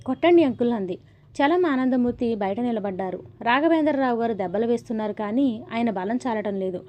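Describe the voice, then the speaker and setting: A woman narrating a novel in a steady, even storytelling manner. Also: fairly high pitch, brisk, a little hiss or hum. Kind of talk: audiobook novel reading. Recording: dull lo-fi audio.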